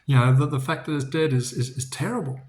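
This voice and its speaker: A man voicing a farmer in a retold parable, talking in an emphatic, excitable way. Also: fairly high pitch, quick pace, natural voice. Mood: lamenting. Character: excitable male farmer, quick to judge.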